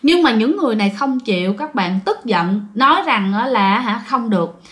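A woman's voice: a little high, animated, normal speed. A woman telling a ghost story in a chatty way, addressing her listeners directly.

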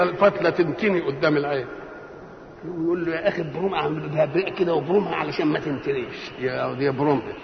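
An older man with an Egyptian accent giving a colloquial Quran commentary lesson, asking rhetorical questions and acting out everyday examples. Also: a little high. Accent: Egyptian Arabic. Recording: echoey hall, dull lo-fi tape, faint hiss.

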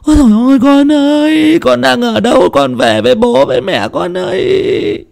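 A frantic, grieving old mother cries out in a high, gravelly voice that swings up and down, as a male storyteller puts her on. She draws out her laments. Told as a spoken ghost story. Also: expressive, a little mellow, heavily acted. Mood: fearful. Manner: wailing lament with drawn-out cries.

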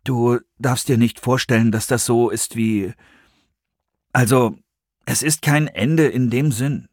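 A man's voice: medium pitch, a little mellow, no room sound, studio quality. A man playing a hesitant teenage boy. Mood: searching. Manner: halting, searching for words.

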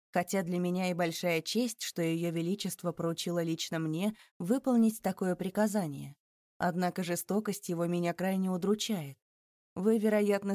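A woman voicing a sorrowful male police chief who speaks in a measured, regretful way. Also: fairly low pitch, dark tone, dry recording, studio quality, close to an everyday voice.

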